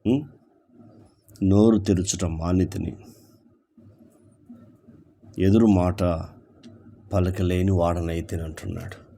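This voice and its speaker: A man with a Telugu accent, a pastor preaching an evening sermon, reading scripture slowly and emphatically and repeating phrases. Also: low voice, mellow, slight background noise.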